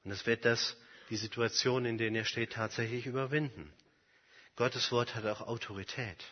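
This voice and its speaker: A man preaching a sermon, earnest and emphatic, dropping at times to a soft, quiet voice. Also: mid-range voice, steady tone, normal speed. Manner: earnest, emphatic, personal examples, swings from loud to very soft. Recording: long hall reverb, dull lo-fi sound.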